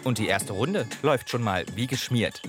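A man narrating a TV report in scripted narration, with a measured reporter's delivery. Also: mid-range voice, expressive. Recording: narration over loud music. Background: music.

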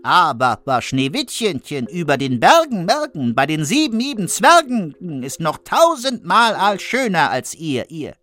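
An actor voicing a magic mirror, singsong and stretched, repeating its words, in a children's fairy tale reading. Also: male voice, a little high, big pitch swings, measured pace, hardly any pauses, bright, forceful tone, pitched above the performer's own voice, heavily acted. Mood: solemn.

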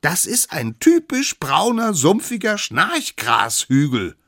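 A man voicing the smallest of a band of little cavemen, a boastful know-it-all child with a squeaky, drawn-out high voice. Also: huge pitch swings, vocal fry, fairly bright tone, no echo, studio quality, heavily acted. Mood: cocky. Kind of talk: storybook read-aloud.

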